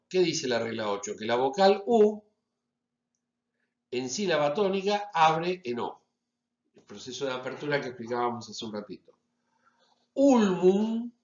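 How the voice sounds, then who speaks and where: A man giving a lecture as a teacher, deliberately stressing each example word. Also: a little high, very animated. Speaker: Latin teacher. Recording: roomy, slightly dull recording.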